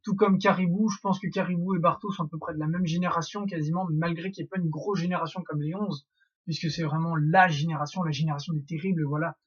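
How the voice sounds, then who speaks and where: A man's voice: on the high side, fairly even intonation, quick pace, slightly rough, dull audio. A young man hosting a casual theory monologue, rambling with many fillers and restarts. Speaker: YouTube theory host.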